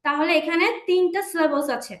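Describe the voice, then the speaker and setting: A woman with a Bangladeshi Bengali accent teaching children English grammar in an online class, patiently explaining and repeating words slowly. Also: very high voice, fairly even intonation, roomy sound. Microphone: online class call.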